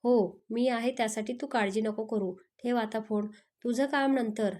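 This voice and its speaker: A woman's voice: a little high, steady tone, normal speed, darkish tone, lightly acted. A woman voicing a scheming, spoiled young bride-to-be who speaks sharply and with scorn. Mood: scornful.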